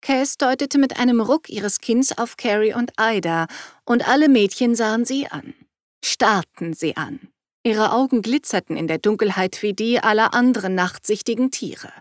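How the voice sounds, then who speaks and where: A woman reading a novel aloud in an even storytelling delivery. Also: mid-range voice, no echo, studio quality. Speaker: audiobook narrator. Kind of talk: scripted narration.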